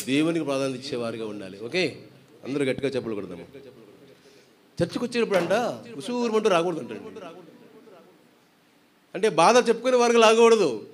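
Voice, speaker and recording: A man's voice: on the high side, very animated, a little fast, pauses often, long reverb tail, a crowd in the background. A male preacher giving a sermon, reading scripture, asking the congregation questions and urging them to clap along. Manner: exhorting, asks the congregation questions and leads clapping songs. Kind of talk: sermon with Bible reading and singing. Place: church prayer hall with music playing. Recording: loud music behind the voice. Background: accompanying music.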